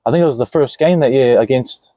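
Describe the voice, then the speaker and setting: A man's voice: mid-range voice, fast, mellow, dry recording. A man with a broad New Zealand accent, chatting casually and telling stories in a laid-back, slangy way. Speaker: interview guest, rugby player. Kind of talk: casual chat, storytelling.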